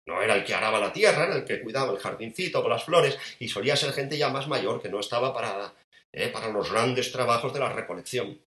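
Spanish preacher in an echoey room. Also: male voice, mid-range voice, brisk. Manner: tender storytelling, lively swings between soft and emphatic. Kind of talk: sermon.

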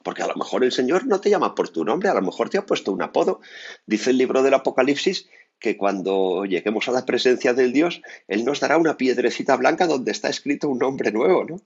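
Male priest from Spain, conversational meditation, breathy rasp in the voice. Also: mid-range voice, a little fast, dull audio. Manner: conversational, frequent tag questions, lively asides. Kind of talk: spoken meditation.

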